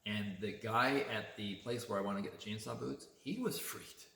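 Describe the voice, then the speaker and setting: A man vlogging, telling a story in a chatty, animated way. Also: lowish voice, normal speed, vocal fry, echoey room, slight background noise. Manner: chatty, animated retelling with laughs. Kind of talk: casual storytelling.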